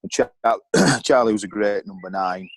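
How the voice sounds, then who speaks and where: A man's voice: lowish voice, lively intonation, moderate pace, gravelly, no room sound, low-quality recording. A middle-aged man, a former footballer and board member, candidly telling stories as a podcast guest, rambling with lots of ums and you knows.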